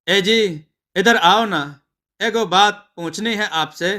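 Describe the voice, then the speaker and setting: Male narrator as a simple, earnest village bride, light and bright-toned. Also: sits high, takes it slowly, heavily acted. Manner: earnest, rustic village speech. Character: naive young village bride.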